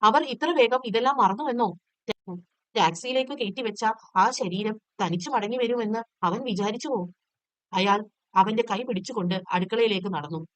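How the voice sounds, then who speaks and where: A woman tutor reading a textbook short story aloud in a steady, measured storytelling way. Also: medium pitch, no room sound.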